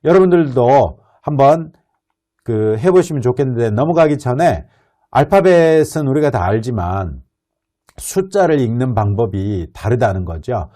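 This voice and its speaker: A man teaching an English lesson, explaining patiently and reading model sentences slowly and clearly for learners to repeat. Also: mid-range voice, sing-song, dark tone. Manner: explains patiently, with rhetorical questions. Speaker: English instructor.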